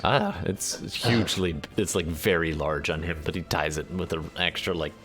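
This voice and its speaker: A man's voice: sits low, moderate pace, a bit bright, soft background music. A man narrating a tabletop role-playing game as game master, in a casual descriptive way.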